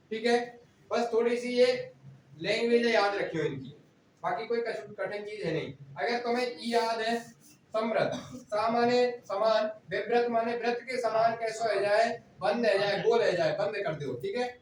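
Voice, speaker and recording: High-voiced teacher in an echoey classroom. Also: male voice. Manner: drills students with repeated questions and answers. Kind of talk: classroom lecture. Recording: echoey room, distant mic, faint noise.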